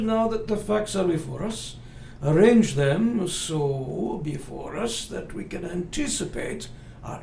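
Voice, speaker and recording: An actor playing an old foreign professor and vampire hunter in a radio play, speaking with grave, formal, halting earnestness. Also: male voice, high voice, gravelly, darkish tone, full character voice. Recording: roomy, faint background noise.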